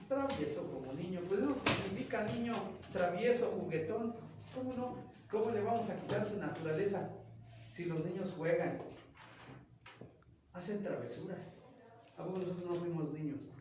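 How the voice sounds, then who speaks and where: A man with a Mexican Spanish accent lectures students, his voice high and full of swings as he acts out quoted lines. He is picked up from far across an echoing room, with a faint hiss behind him. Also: expressive, normal speed, long pauses. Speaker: teacher. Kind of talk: classroom lecture.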